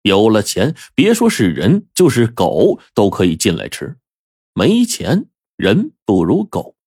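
Man playing a chilly, calculating innkeeper, measured delivery, dry husky voice. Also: lowish voice, wildly swooping pitch, darkish tone, dry recording, exaggerated voice. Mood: cold. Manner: slow, coldly measured. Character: cold, calculating male innkeeper.

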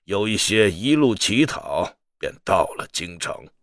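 Give me a solemn old general, loyal and grave. The voice sits very low and moves slowly, each sentence weighed. It sounds close and dry, like an audiobook studio. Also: male voice, very animated, dry recording. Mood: earnest. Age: older. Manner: grave, measured. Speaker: voice actor in an audio drama.

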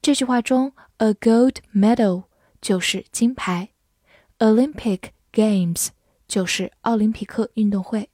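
A woman teaching English vocabulary in Chinese, spelling each word out letter by letter and reading example sentences slowly. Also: a little high, dark tone, dry recording, studio quality. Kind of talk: vocabulary lesson.

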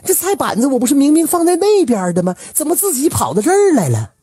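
A man voicing a startled village wife who fires off quick, alarmed questions in a folk tale. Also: very high voice, wildly swooping pitch, warm tone, no echo, clean studio sound, voice pushed up, exaggerated voice.

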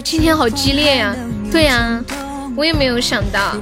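A woman's voice: high voice, normal speed. A woman hosting a livestream, chatting casually and playfully with viewers. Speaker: livestream host. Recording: music playing behind the voice.

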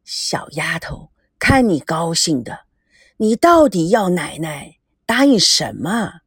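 Gentle old grandmother, voiced by a woman. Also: fairly low pitch, lively intonation, husky, no room sound, clean studio sound, voice pushed down, heavily acted. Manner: soft, slow, placating. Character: gentle elderly grandmother, calm, soothing.

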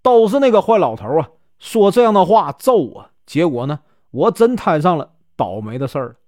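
A man's voice: a little high, big pitch swings, a little mellow, no echo, clean studio sound. A man with a Northeastern Mandarin accent voicing a brash, jeering young woodcutter in a told folk story. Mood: indignant. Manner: jeering, quick to laugh and complain.

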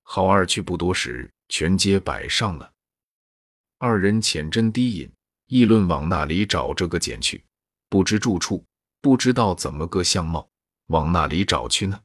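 A male storyteller reads a classical novel aloud with steady narration. His voice is low and husky. The recording is dry and close to the mic. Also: normal speed, no echo.

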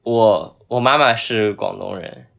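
A man's voice: fairly low pitch, unhurried, vocal fry, a bit bright. Bantering man with mixed north-south Chinese accent. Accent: northern-tinged southern Chinese. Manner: bantering, explanatory. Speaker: podcast host. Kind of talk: casual podcast chat.

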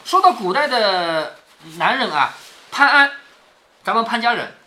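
Lively, bright-voiced man reading a classic story aloud to his daughter. His pitch swings widely as he stops to explain passages in plain talk, and he keeps asking whether she is following. The tone is informal and chatty. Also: measured pace. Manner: chatty, often checks in with the listener.

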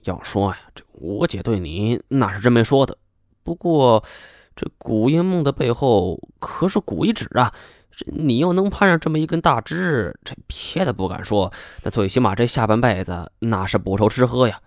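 A man's voice: mid-range voice, expressive, no room sound, clean studio sound, lightly acted. A man putting on a sly, smug middle-aged schemer. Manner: wheedling, teasing, drawn-out sayings. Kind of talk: audiobook character voice.

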